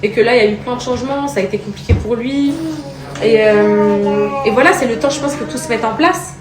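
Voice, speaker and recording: A woman's voice: on the high side, fairly quick, music in the background. Chatty woman vlogging in an echoey room. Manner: chatty and rambling, gently coaxing with her child. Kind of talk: casual home vlog. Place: home. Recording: echoey room, distant mic, noisy.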